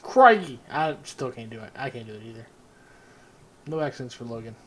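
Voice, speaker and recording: A young man with an Appalachian accent, co-hosting a podcast in casual chat, playful and quick to tease. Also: mid-range voice. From rural Appalachia. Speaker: podcast co-host.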